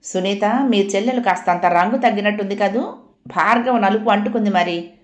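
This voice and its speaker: A woman's voice: mid-range voice, normal speed, natural voice. A woman doing a joking son-in-law. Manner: joking, teasing. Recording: roomy echoey home recording.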